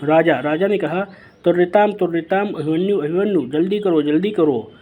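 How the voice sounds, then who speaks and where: A man's voice: on the high side, normal speed, narrow, tinny audio. A male teacher reads out Sanskrit text line by line and explains each one in simple paraphrase, lifting his voice for the characters' lines. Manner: raises his voice when reading the lines of characters.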